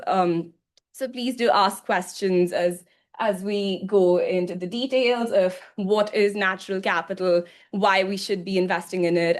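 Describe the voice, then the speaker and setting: A woman introducing a session to an audience in a meeting room, businesslike, with ums and small restarts. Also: medium pitch. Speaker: session co-host. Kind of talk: presentation introduction.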